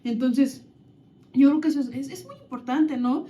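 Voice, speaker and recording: A woman's voice: high-pitched, fairly even intonation, normal speed, warm tone. A woman co-hosting a casual chat, reading children's quotes aloud and reflecting on them, thinking aloud with many restarts. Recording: dull lo-fi sound.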